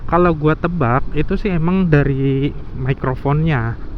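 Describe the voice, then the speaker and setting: Riding his motorbike outdoors, a motovlogger talks casually to viewers and thinks aloud in a slightly high, somewhat slow voice. The helmet intercom mic gives a dull sound, with heavy traffic noise in the background.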